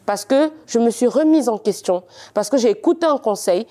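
Lively Cameroonian woman telling her story. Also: fairly high pitch, normal speed. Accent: Cameroonian French, partly faded. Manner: lively storytelling, teasing, insistent. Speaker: guest. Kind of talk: casual interview talk.

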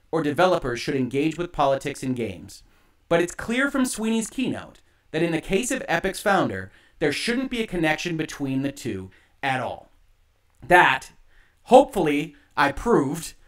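A man hosting an online show, giving emphatic, argumentative opinion commentary in deliberate phrases, with echo on his livestream audio. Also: high-pitched, fairly bright tone.

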